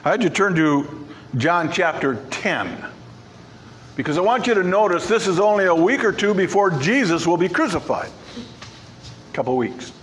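A man's voice: high voice, sing-song, moderate pace, a little hiss or hum. Emphatic man preaching a sermon. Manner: emphatic, repeats key words. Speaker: pastor. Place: church sanctuary.

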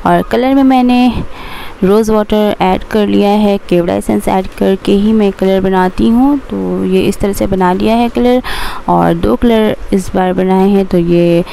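A woman's voice: mid-range voice, measured pace, creaky, dark tone, a little hiss or hum. A young woman chatting through her home cooking steps in a casual voice-over, explaining each step as she goes. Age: young adult. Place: home kitchen.

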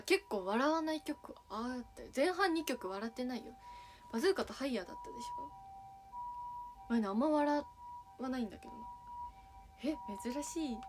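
A woman's voice: high voice, sing-song, normal speed, pauses often, darkish tone, soft background music. A young woman from Kagawa with a Sanuki dialect accent, chatting casually on a livestream as an idol, reading fan messages with a giggly, playful manner. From Kagawa, Japan. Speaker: idol streaming and chatting with fans.

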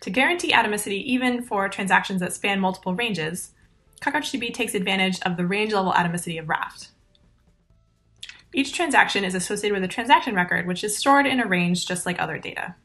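A woman in her thirties giving a recorded conference talk over slides, explaining technical steps clearly and methodically into a laptop mic. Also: medium pitch, fast, fairly bright tone, faint music behind. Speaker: conference presenter.

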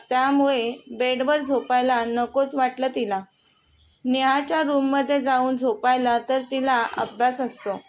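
Woman storyteller, slow unhurried reading, high voice. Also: poor audio. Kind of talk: scripted story narration.

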